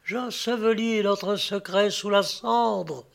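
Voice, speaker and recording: An icy, commanding young noblewoman from an audiobook, hushed and measured, her voice pitched somewhat above a man's usual range, as a male reader puts her on. She talks slowly and deliberately, with a cold, controlled edge. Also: steady tone, gravelly, heavily acted. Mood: cold whisper. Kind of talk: audiobook reading.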